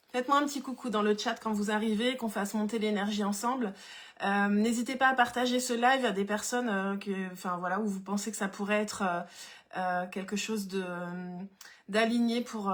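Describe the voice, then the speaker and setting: A woman hosting a spiritual live stream, greeting viewers by name and often pausing on "euh" and restarting her sentences. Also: medium pitch. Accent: French. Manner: warm greetings to viewers, many fillers and restarts. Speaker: live seminar host.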